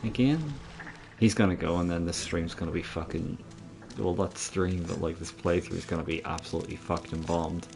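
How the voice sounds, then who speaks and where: Deep, gravelly man. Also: moderate pace. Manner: sweary, joking banter. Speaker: gamer playing through a video game. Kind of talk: casual gameplay commentary with a friend.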